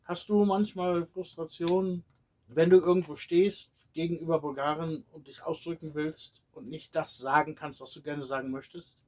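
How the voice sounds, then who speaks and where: A man from Germany co-hosting a podcast in casual chat, explaining earnestly and trailing off quietly at the ends of his sentences. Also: on the high side, fairly even intonation, normal speed. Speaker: podcast co-host.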